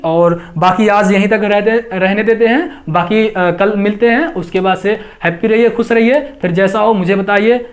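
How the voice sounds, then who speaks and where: A young male teacher runs an online English translation class. He asks his students questions and answers them himself. He repeats each example sentence slowly, word by word. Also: sits high.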